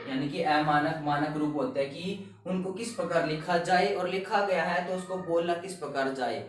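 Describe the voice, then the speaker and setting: Man teaching, slightly high voice, keeps asking and answering himself, very echoey room, distant mic. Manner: repetitive, keeps asking and answering his own questions. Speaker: Hindi grammar teacher. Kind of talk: classroom lesson explaining spelling.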